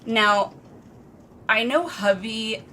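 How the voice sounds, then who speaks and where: A woman's voice: a little high, drawn-out words, pushed and bright, a little hiss or hum. A woman live streamer chatting casually with her viewers in an informal, rambling, self-deprecating way. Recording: music behind the voice. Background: background music.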